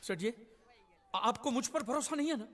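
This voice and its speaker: A sly trickster who hams up his sorrow in a film comedy, pleading and melodramatic. His voice is pitched very high. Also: lively intonation, moderate pace, a bit bright. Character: sly, theatrical poor man faking grief. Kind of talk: Hindi film comedy dialogue.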